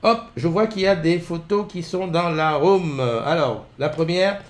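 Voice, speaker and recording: A middle-aged man with a fairly high voice takes his time, unhurried, as he hosts an easygoing morning stream from home. Seated at a desk mic with webcams, he rambles with lots of fillers and says hello to viewers by name.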